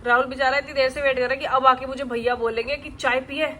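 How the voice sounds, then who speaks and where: A young woman casually chatting as a vlogger, lively and teasing, still recovering from being unwell. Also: sits high, fast talker, a crowd in the background, rough recording. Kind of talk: casual chat. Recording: clear background noise.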